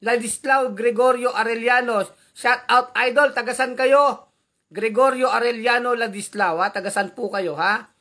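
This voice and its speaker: A man's voice: very high-pitched, steady tone, moderate pace, pushed and bright. A man hosting a casual live commentary vlog, reading out viewer comments with chatty, teasing asides, frequent tag questions and easy chuckles.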